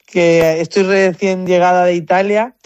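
This competitive shooter, a woman with a Spanish accent from Spain, answers interview questions casually and anecdotally, often repeating words as she thinks. Her lowish voice is smooth and a little mellow, unhurried with fairly even intonation, in dull audio without echo.

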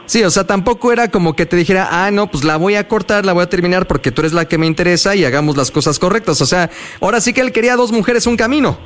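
High-voiced Mexican radio host, lively. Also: male voice, fast, hardly any pauses. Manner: lively, slangy and affectionate with callers. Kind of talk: call-in radio show.

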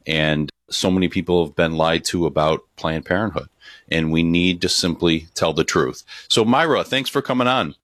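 A man's voice: sits low, moderate pace, a bit bright, dry recording, clean studio sound. A man co-hosting a podcast, earnestly introducing and questioning his guest. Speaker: podcast co-host. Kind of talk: podcast interview.

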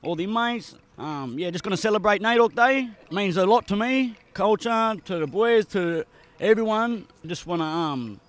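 A man's voice: sits high, expressive, moderate pace. An Australian man, an inmate about to dance, talking casually and with feeling. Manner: casual, emotional. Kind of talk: interview.

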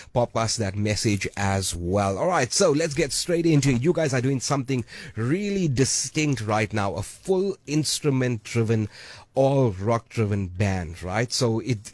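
A man's voice: mid-range voice, dry recording. A man hosting a radio show from the studio, upbeat and hyping his guests. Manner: upbeat, hyping, quick asides. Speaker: radio host. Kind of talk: lively radio presenting. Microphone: studio microphone.

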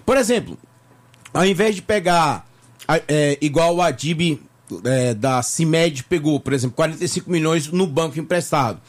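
Man, from Bahia in Brazil, radio guest, tax lawyer, slightly high voice, rambling, lots of fillers. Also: moderate pace. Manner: chatty, repeats himself, many fillers. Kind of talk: casual radio interview. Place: radio studio.

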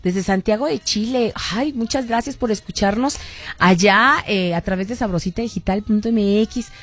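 A woman's voice: medium pitch, moderate pace. A woman radio host with a Mexican accent, chatting casually with listeners and reading out their messages. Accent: Mexican Spanish.

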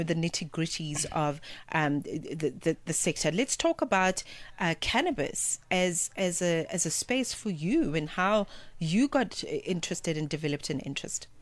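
A woman hosting a radio talk show from a studio, speaking in a smooth, measured presenter style. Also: on the low side, no room sound. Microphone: studio microphone.

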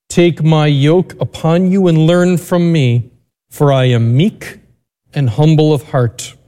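A man, a priest reading the Gospel and giving a homily in a measured, deliberate way, his voice ringing with cathedral echo. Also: a little high, warm tone. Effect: cathedral echo, long reverb of a large church. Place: large church. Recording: long church reverb.

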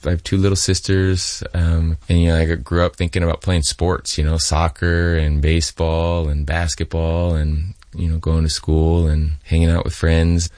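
A middle-aged man from California with an extremely deep voice and little pitch movement. He answers interview questions casually, with lots of ums and you-knows. The sound is dry and close. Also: completely flat delivery, normal speed, hardly any pauses, a little mellow, no room sound. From California, USA. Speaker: guest. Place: studio.

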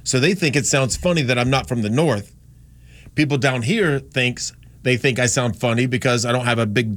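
This medium-pitched, fairly bright voice belongs to a North Carolina radio host with no strong accent. His casual on-air talk rambles and chatters, full of restarts and self-corrections.

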